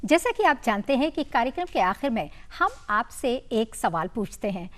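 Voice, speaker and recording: Woman host, higher pitch, formal and courteous broadcast delivery. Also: very animated, normal speed, over loud music. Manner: polite formal presenter, frequent affirmations. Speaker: TV show host. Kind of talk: broadcast hosting.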